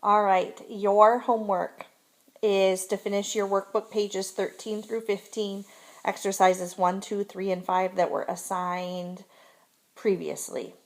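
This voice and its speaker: A woman teacher casually wrapping up a class, apologizing for audio skips and giving homework in a relaxed way. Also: medium pitch, slow.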